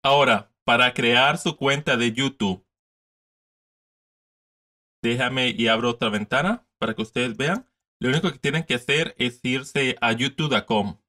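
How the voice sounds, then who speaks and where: A man's voice: mid-range voice, measured pace, sharp tone. A man in his thirties giving a casual step-by-step screen tutorial from his desk, repeating steps and mixing in English words. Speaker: tutorial host.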